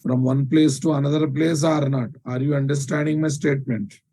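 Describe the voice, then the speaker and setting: A man's voice: fairly high pitch, steady tone, a little fast, dark tone. A man with a Telugu Indian accent giving a live technical lecture as a programming teacher, repeating phrases for emphasis and checking understanding with questions.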